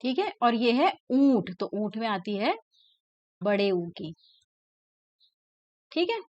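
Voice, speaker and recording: A very animated woman teacher, her voice a little high and a little mellow, walks young children through a textbook lesson. She patiently repeats words slowly and keeps checking in with "ठीक है ना". There's no room sound; the recording is dry, dull and lo-fi.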